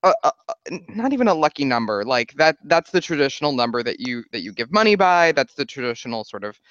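A man co-hosting a casual chat podcast, joking and expressive. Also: medium pitch, quick pace, no echo. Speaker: podcast co-host. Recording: dry, slightly dull lo-fi recording.

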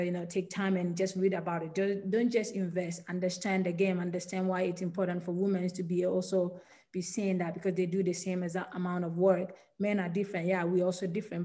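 Low, even-voiced Ghanaian woman footballer. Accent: Ghanaian with American influence. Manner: earnest, many fillers and restarts. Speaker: professional footballer guest. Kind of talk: podcast interview.

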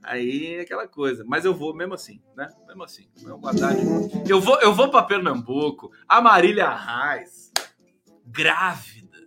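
Male stream host, mocking and animated, higher pitch. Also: normal speed, over music. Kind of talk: casual political commentary.

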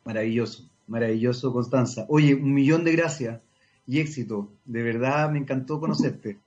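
A man's voice: mid-range voice, normal speed, darkish tone, dull audio, faint music behind. A Chilean man hosting a casual radio interview, chatty and self-mocking, talking at length. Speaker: radio host.

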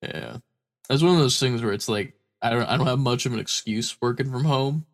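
This podcast co-host speaks in a mid-range voice at a slightly fast clip. Stuffy-nosed from a cold, he sounds tired and rambles through casual chat, swearing offhandedly.

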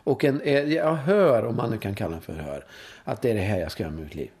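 Here the same sort of guest appears: a Swedish course leader in sexuality and breathwork, in his fifties, with a fairly low-pitched voice. Chatting in an interview, he spins lively stories full of curse words and repeated "va?" tags.

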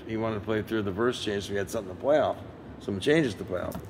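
Lower-voiced older man telling stories. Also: quick pace, slight background noise. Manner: animated storyteller who acts out quoted voices. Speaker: session guitarist. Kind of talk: casual interview storytelling.

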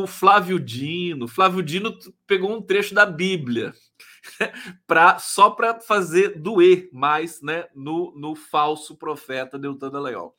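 A man with a Brazilian Portuguese accent hosting a live stream, gleefully reading viewer comments in an excitable, chatty way. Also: fairly high pitch. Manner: gleeful and excitable, breaks into shouts and laughs.

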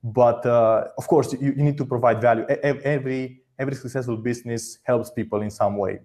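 Hosting a podcast interview, this man offers encouraging, straightforward advice in rapid bursts, frequently repeating words. His voice is medium in pitch, steady, and dark in tone.

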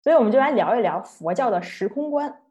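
A woman giving an online lecture, telling a story in a chatty, lively way. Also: fairly high pitch, quick pace. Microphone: online talk, computer mic.

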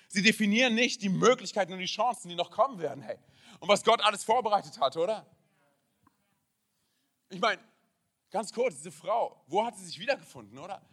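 High bright energetic male preacher. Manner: energetic preaching with frequent "hey" interjections. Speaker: pastor. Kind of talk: sermon.

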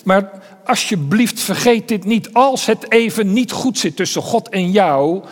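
A man preaching a sermon in an earnest way, often repeating words and dropping into hushed tones. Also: high-pitched, unhurried, big-room sound.

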